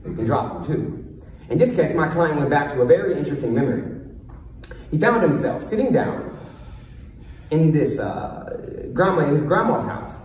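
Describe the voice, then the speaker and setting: A man's voice: a little high, animated, normal speed, long pauses, a little mellow. A man giving a confident, emphatic motivational talk on stage, with a lisp that turns his R's into W's. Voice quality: lisp, cannot say R's, says w for r. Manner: emphatic, confident delivery with rhetorical questions. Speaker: motivational speaker, coach. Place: stage in a large echoing room before an audience. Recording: echoey hall from far off, faint noise.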